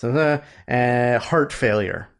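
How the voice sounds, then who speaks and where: A man's voice: medium pitch, drawn-out words, clear, resonant tone. A man co-hosting a casual podcast, rambling with lots of fillers and restarts while he looks things up. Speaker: podcast co-host.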